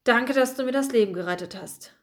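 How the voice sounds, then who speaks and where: A woman's voice: a little high, a little fast, lightly acted. A woman doing a timid young mouse. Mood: earnest.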